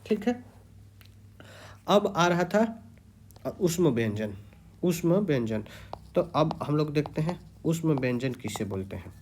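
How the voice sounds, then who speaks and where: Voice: mid-range voice, big pitch swings, unhurried, long pauses, a little hiss or hum. A teacher giving an exam-prep grammar lecture, repeating key terms and quizzing the students.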